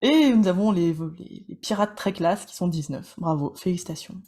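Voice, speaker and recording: A coach, female, runs an easygoing live lesson where she banters with viewers and names them directly. She talks in rapid bursts with many restarts, her lowish voice expressive and warm.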